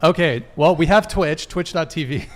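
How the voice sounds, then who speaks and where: His voice sits fairly high and moves at normal speed. The young man is hosting a live dating podcast, joking loosely through casual live stream announcements and fumbling over technical hiccups.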